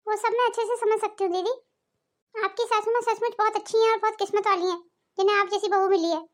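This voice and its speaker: A woman's voice: very high voice, steady tone, fast talker. A woman voicing a kind young sister-in-law in a cartoon family drama, speaking in a consoling way. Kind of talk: cartoon voice acting.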